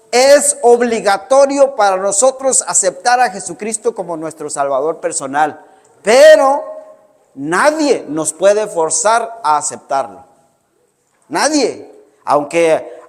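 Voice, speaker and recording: A man's voice: high-pitched, in a large hall. A middle-aged Mexican man preaching a sermon in a conversational way, repeating words and using many fillers. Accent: Mexican Spanish.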